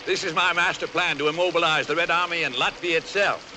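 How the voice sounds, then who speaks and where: A man's voice: on the high side, fairly even intonation, fast talker, close to an everyday voice. A man playing a bombastic scheming general. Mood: boastful. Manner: boastful, commanding. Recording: noisy old film soundtrack.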